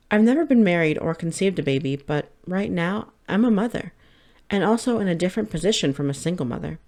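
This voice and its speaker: A woman reading a first-person light novel audiobook in a steady, measured way. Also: on the low side. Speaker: audiobook narrator.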